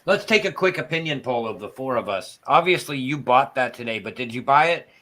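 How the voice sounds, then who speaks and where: A man's voice: medium pitch, animated, a little fast, a bit bright. A man chatting casually on a livestream in a self-deprecating, storytelling way, with a lisp and whistling s sounds from missing front teeth. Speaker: livestream participant and former broadcaster.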